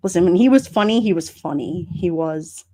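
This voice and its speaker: A middle-aged woman with a New York accent, casually chatting on a livestream, sassy and quick to laugh. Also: lowish voice, dark tone. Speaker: livestream host reading chat. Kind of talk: casual chat.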